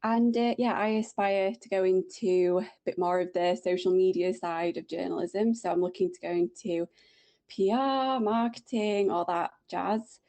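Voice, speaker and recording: A woman's voice: fairly low pitch, fairly even intonation, normal speed, dark tone. Bubbly Yorkshire woman in her twenties. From Yorkshire, England. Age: 20s. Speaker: podcast co-host. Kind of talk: casual chat.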